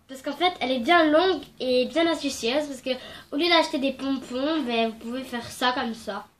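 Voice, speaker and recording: Filming on her phone at home, a young woman with a high, slightly bright voice rambles playfully through a craft tutorial at normal speed. She's a craft vlogger with a cold-stuffed nose, and there's slight background noise indoors.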